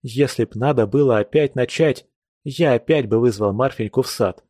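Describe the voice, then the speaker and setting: A man's voice: medium pitch, moderate pace, warm tone, no echo, studio quality, natural voice. A man reading an audiobook, voicing an impulsive, eager young man who pleads his case. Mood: pleading.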